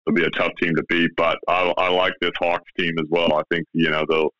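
A man's voice: sits low, level tone, fairly quick, a bit bright, no room sound, rough recording. A man giving basketball predictions as a guest, hesitant with many fillers. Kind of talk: casual sports chat.

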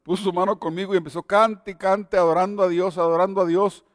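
A man's voice: high voice, fairly even intonation, quick pace, no room sound, studio quality, long reverb tail. A man preaching a sermon and telling his own testimony, earnest and exhorting.

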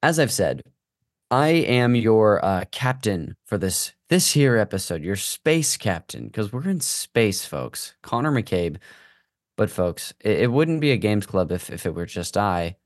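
A man's voice: lowish voice, sing-song, measured pace, dry recording, clean studio sound. A man hosting a podcast with casual, rambling banter and playfully overblown introductions. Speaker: podcast host.

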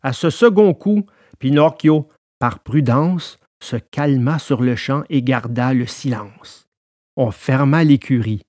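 A man narrating a storybook in an expressive, lively way. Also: mid-range voice, slow, no room sound, clean studio sound.

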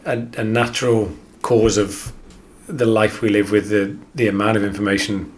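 A man's voice: fairly low pitch, little pitch movement, moderate pace, a little hiss or hum. An Australian man co-hosting a podcast, chatting casually and rambling, often repeating words as he thinks. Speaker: podcast co-host. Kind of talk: casual chat.

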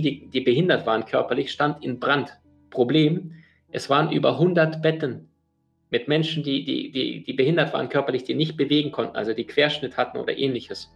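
A man with a gravelly, creaky voice at a middle pitch speaks straight to the listener in a motivational talk. He tells his examples earnestly, with plenty of fillers and restarts, and faint music plays behind him.

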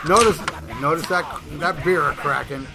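High-voiced man hosting a casual podcast. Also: moderate pace, creaky, over music. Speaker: podcast host. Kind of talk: casual chat.

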